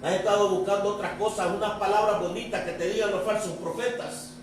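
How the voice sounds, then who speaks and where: Speaking fairly quickly and steadily, a high-voiced male pastor preaches to his congregation and keeps hitting them with repeated rhetorical questions. The sound is distant, with heavy church echo and a faint hiss.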